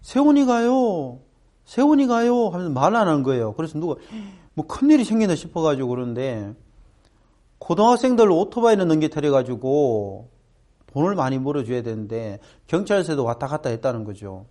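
A middle-aged man speaking to students, telling a personal story and acting out the voices of people in it. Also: fairly quick. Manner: animated, acts out quoted voices with big pitch jumps. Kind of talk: storytelling talk.

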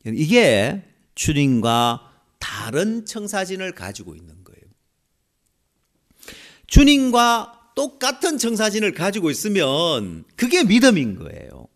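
A man's voice: a little high, wildly swooping pitch, unhurried. A man preaching a sermon, acting out the voices of biblical figures as he goes. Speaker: pastor.

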